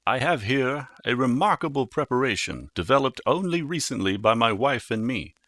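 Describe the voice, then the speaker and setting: A man voicing a small, firm, earnest mouse dentist in a storybook, speaking with crisp authority. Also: mid-range voice, animated, normal speed, fairly bright tone, no room sound, voice pushed up, close to an everyday voice. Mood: formal, persuasive.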